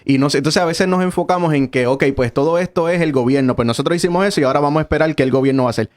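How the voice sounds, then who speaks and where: A Puerto Rican man speaking as a guest pastor on a radio interview, earnest and preachy in a quick flow. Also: a little high. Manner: earnest, preachy, fast-flowing.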